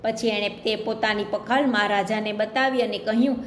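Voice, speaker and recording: A woman's voice: medium pitch, fairly even intonation, normal speed. A woman narrating a folk tale in storybook style, speaking the characters' lines in quotes herself. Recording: echoey room with faint background noise.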